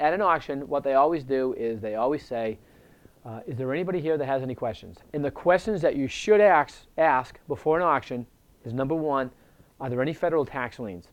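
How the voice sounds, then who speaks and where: A man, a real estate investor, telling stories and giving advice in a casual, animated way, acting out the dialogue. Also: fairly high pitch, dull audio. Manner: animated, acts out quoted dialogue. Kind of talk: casual storytelling advice talk.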